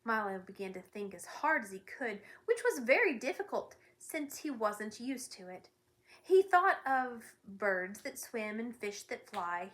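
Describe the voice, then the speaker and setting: A woman reading a children's novel aloud, expressive and lively. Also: a little high. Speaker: storybook reader.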